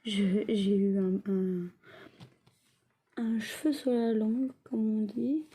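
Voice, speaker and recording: A woman giving a casual hands-on craft demo and review, talking hesitantly in halting, often unfinished phrases. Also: mid-range voice, fairly even intonation, dark tone, husky. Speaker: craft video creator.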